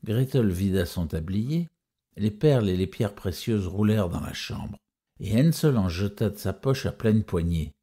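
A man narrating a fairy tale as a storyteller, with expressive, sweeping intonation. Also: lowish voice, measured pace, husky.

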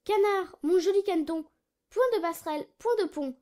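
A small, frightened but brave girl from a fairy tale, voiced by a woman. She speaks in an earnest, pleading tone. Her voice is high and bright, as in a storybook reading. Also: brisk.

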